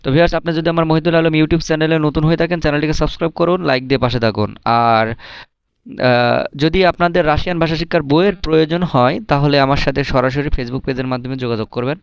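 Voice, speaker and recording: A man's voice: a little high, fairly even intonation, fast, gravelly, clean tone, dry recording, clean studio sound. A man giving a casual video lesson, with many filler hesitations and phrases repeated in a sing-song rhythm. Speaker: language teacher.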